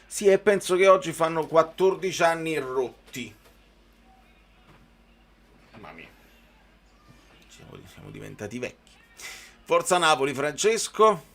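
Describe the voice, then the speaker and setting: A man's voice: fairly high pitch, unhurried, creaky, long pauses. Man doing casual football commentary. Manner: conversational, informal, chatting to viewers. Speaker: football live-stream commentator. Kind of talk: live match commentary mixed with casual fan chat.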